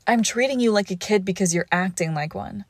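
A young woman playing a devoted girlfriend who nurses her sick partner, coaxing and protective, often dropping to a hush. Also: medium pitch, fairly quick, no echo, studio quality, natural voice. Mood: firm caring. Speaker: audio roleplay performer. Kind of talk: audio roleplay addressed to the listener.

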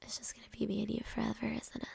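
Gravelly-voiced young woman whispering intimately. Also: a little high, monotone, rapid-fire. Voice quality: soft whispering, intimate and affectionate. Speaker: girlfriend in a roleplay. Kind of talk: ASMR roleplay.

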